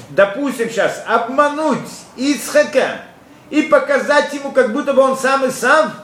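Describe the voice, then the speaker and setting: A man's voice: extremely high pitch, fairly bright tone. A man giving a Torah lesson to students. He explains through rhetorical questions and quotes Hebrew verses. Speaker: Torah teacher. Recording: echoey room with faint ambience.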